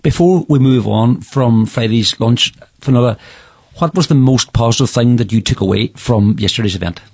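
A man asks conversational interview questions. His voice is husky and of medium pitch. The sound is dry, with little room around it. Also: normal speed, darkish tone, dry recording. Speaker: radio interviewer.

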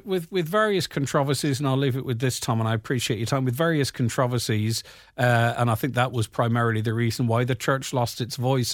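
Guy hosting radio talk, average pitch, dry sound, kinda rambles and corrects himself. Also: dry recording. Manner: discursive, self-correcting. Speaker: radio interviewer, host. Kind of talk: current affairs interview.

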